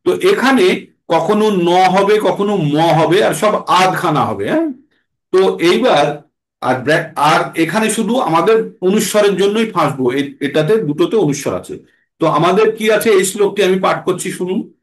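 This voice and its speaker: A man teaching a class how to pronounce and chant Sanskrit verses, reciting slowly and then explaining. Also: high-pitched, animated, roomy sound. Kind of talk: patient recitation lesson.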